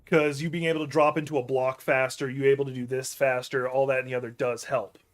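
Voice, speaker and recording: A gaming streamer whose first language is English gives casual let's-play commentary on an action game in a mid-range, level voice at a quick pace. He rambles loosely, often corrects himself mid-sentence and talks to his chat as he plays.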